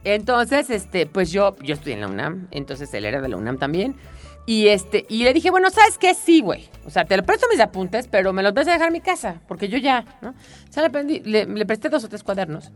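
A woman's voice: mid-range voice, big pitch swings, a little fast, faint music behind. Mexican woman co-host, chatty storyteller with a swooping voice. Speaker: radio show co-host. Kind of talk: casual storytelling chat.

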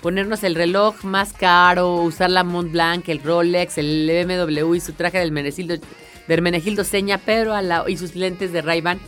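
A woman's voice: lowish voice, fairly even intonation, normal speed, a bit bright, soft background music. A woman co-hosting a radio chat about language, explaining patiently and often checking in with a questioning "¿no?". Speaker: radio co-host.

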